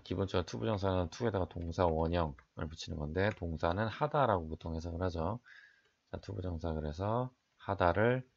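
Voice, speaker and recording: Low gravelly man teaching English. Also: muffled recording. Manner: explains sentence by sentence, reads English then translates; frequent "자" fillers, asks and answers own questions. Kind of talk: exam prep lecture.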